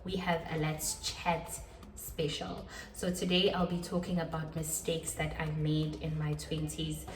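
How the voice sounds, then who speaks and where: A woman's voice: low-pitched, level tone, noisy background. A woman in her twenties hosting her own vlog, talking casually and a bit self-deprecatingly, often repeating herself. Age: 20s. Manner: chatty, self-deprecating, with quick laughs and repetitions. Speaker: channel host. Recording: roomy echo, a little far from the mic.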